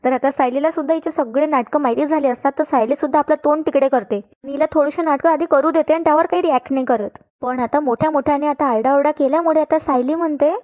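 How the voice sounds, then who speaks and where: A woman with a Marathi accent recaps a TV serial episode in a brisk storytelling manner. Her voice sits high as she talks straight to her viewers. The retelling stays casual and chatty. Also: fairly even intonation, a little mellow.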